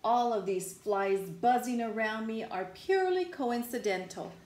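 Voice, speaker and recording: A woman's voice: a little high, lively intonation, darkish tone. Woman acting a stubborn, dramatic picture-book pigeon, wildly swooping. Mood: indignant, defensive. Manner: exclamatory, drawn-out words, mock indignation. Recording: roomy indoor echo.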